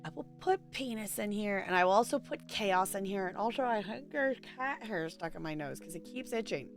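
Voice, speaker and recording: With lively intonation and a slightly fast pace, a medium-pitched woman chats casually with her livestream viewers. She rambles and thinks aloud as soft background music plays.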